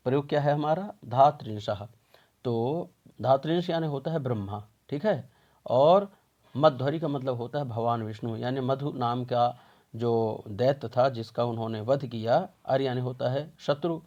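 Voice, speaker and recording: A man's voice: medium pitch, a little mellow, muffled recording. A man teaching a Sanskrit grammar lesson step by step, patiently asking questions and answering them himself.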